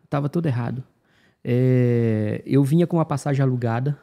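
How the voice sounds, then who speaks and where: A man from Brazil tells a travel story in relaxed, casual conversation, acting out the people he met. His voice is dark and mellow, sitting at a middle pitch. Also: a little fast, gravelly. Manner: animated, acts out dialogue with voices. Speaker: guest telling travel story.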